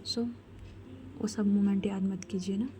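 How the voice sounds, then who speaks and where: A woman voicing a caring young woman who gently soothes her injured partner. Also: mid-range voice, little pitch movement, measured pace, slight background noise, lightly acted. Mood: tender.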